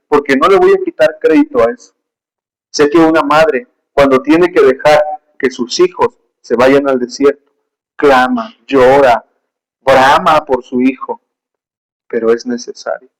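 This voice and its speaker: Man, preacher, sermon, fairly high voice, emotional, emphatic, reads scripture aloud. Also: unhurried, poor audio. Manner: emotional, emphatic, addresses the congregation as brothers; tells personal stories and reads scripture aloud.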